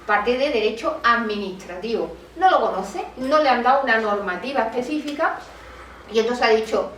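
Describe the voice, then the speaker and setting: A woman's voice: a little high, lively intonation, moderate pace, a bit bright, a little hiss or hum. A woman lawyer gives a talk at a public colloquium. She tells a case as a story and acts out the quoted dialogue. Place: meeting room. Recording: roomy, distant mic with faint ambience.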